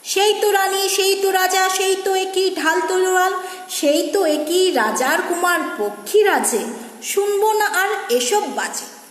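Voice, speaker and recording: A woman playing a bossy little cloud girl, raised high. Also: unhurried. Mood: scolding. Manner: scolding, demanding and impatient. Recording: echoey room with long reverb.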